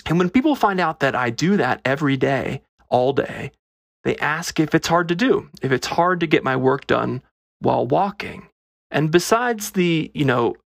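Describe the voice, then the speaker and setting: A podcast host talks on a casual solo show, wry, self-deprecating and conversational, holding a phone microphone up to his face. His voice is on the high side and creaky, and the recording is dry and studio quality.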